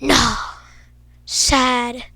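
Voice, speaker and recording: Bright, high-voiced young woman gamer. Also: little pitch movement, extremely slow, creaky, no room sound. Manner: goofy and teasing, bursts into shouts. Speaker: gaming video creator. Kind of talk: playful gameplay commentary.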